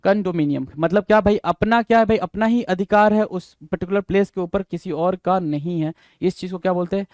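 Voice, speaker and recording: High-voiced guy teaching vocab, smooth, super dry close sound, keeps asking questions. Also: fairly quick, hardly any pauses, darkish tone, no room sound. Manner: chatty, repeats each word and keeps asking the class questions. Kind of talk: Hindi-English classroom explanation.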